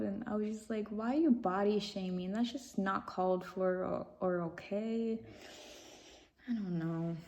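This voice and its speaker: Slow gravelly-voiced young woman vlogger. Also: medium pitch, warm tone. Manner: nervous giggling, casual rambling with many fillers. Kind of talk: personal storytime vlog.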